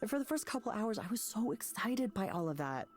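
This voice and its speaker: A woman voicing an anxious, awkward young woman client in a game read-aloud, nervous and self-deprecating, telling her story in a lively way. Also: medium pitch, brisk, faint music behind, close to an everyday voice. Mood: upset. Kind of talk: voiced let's play reading.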